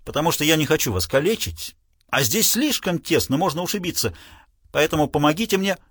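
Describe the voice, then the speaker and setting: A young man, curt and scornful, hurling warnings and cold advice, as a man reads him. The voice sits slightly high and moves with lively emphasis. It is dry and close. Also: fairly quick, husky, no echo.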